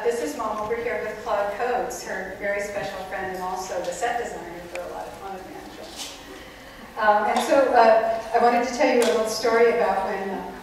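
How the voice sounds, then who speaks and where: Woman, storyteller at a live panel, chatty; distant, reverberant hall recording. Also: mid-range voice. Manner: chatty, animated, with many fillers. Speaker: panel speaker. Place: large indoor event hall. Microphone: far camera. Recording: echoey hall from far off, noisy.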